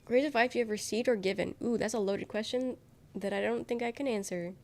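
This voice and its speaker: This sick young woman livestreamer sounds congested, nasal and worn while she chats casually with viewers, rambling as she reads the chat out loud. Her voice is on the high side and a little mellow, with a quick pace.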